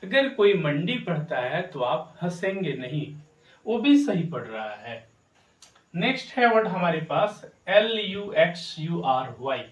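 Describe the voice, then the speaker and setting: A man's voice: fairly high pitch, very animated, takes it slowly, recorded from a distance. A man teaching English pronunciation, spelling words out letter by letter and repeating the correct form while asking the viewers to follow along. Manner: addresses viewers directly with rhetorical checks. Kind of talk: spoken language lesson. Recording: echoey room, voice from off mic.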